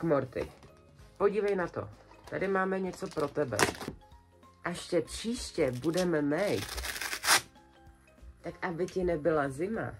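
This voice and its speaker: Low-voiced young woman chatting casually. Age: young adult. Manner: chatty, colloquial, shows items one by one. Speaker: vlogger. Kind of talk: casual haul video chat. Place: small decorated bedroom indoors.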